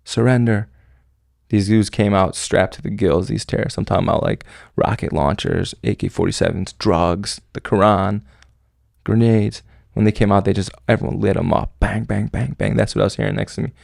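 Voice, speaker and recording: A man with a low voice tells a story as a podcast guest, rambling and loose with slang. His voice is gravelly and heavy with fry. The sound is close and dry, with no room echo. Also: fairly even intonation, a little fast, darkish tone. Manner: slangy, rambling, full of "like" and "bro". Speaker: podcast guest recounting military service. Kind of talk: casual storytelling.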